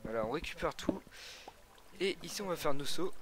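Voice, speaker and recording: A young man from France giving casual commentary while playing a survival game, excitable and swearing, exclaiming loudly at his finds. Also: a little high, a little fast, background noise. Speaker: gaming youtuber. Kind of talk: casual let's play commentary. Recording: music loud behind the voice.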